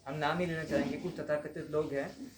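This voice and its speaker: A man's voice: on the high side, steady tone, fairly quick, crowd noise. Man giving a roomy devotional class. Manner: conversational, checks in with the listeners. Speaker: spiritual teacher. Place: class room with a live audience. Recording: roomy hall with faint ambience.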